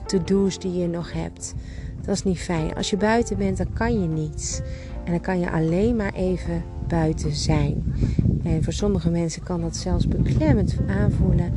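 A woman in her thirties with a Netherlands Dutch accent hosts an informal guided-walk podcast, chatting encouragingly and directly to the listener. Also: fairly low pitch. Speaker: podcast host. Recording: music bed under the voice. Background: prominent music.

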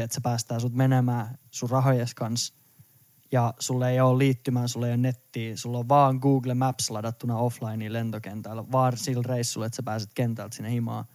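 A man's voice: medium pitch, darkish tone, dry recording, studio quality. A young man from Finland, a podcast co-host telling an intense travel story in casual chat, emphatic and swearing.

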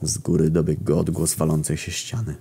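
A man narrating a crude, darkly comic story in a wry, deadpan way. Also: a bass voice, a little fast, gravelly, husky. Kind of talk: casual profane story narration.

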